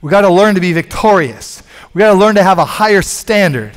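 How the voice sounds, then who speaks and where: Brisk and lively in intonation, a high-voiced middle-aged man preaches as pastor from a big church stage indoors. His headset mic catches emphatic, repetitive lines that grow in force, with a long reverb filling the hall.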